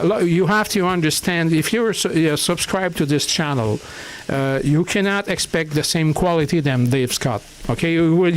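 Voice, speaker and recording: A man hosting a casual livestream who greets viewers by name and reads their chat aloud, talking haltingly with lots of restarts and chuckles. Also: a little high, vocal fry, slight background noise. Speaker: livestream host.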